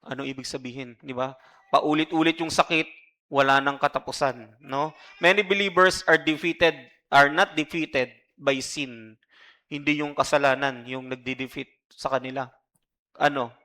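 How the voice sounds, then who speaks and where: A man's voice: medium pitch, bright, forceful tone. A male pastor with a Filipino accent preaching a sermon in mixed Tagalog and English, often checking in with the congregation through short tag questions.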